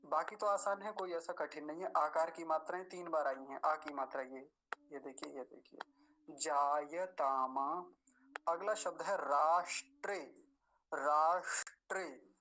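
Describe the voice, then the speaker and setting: A patient man teaching pronunciation, who slows right down to draw out each syllable as he demonstrates it. Between examples he explains in an easy, conversational way and chuckles gently now and then. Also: fairly high pitch, slight background noise, poor audio. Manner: slow and deliberate, drawing out syllables to demonstrate them. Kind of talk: pronunciation lesson.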